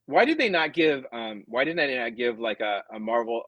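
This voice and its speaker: Man, husky, dry close sound, animated rambling talk, casual chat. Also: medium pitch, moderate pace, dry recording, lo-fi sound. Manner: animated, rambling, acts out quoted customers. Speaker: comics writer guest.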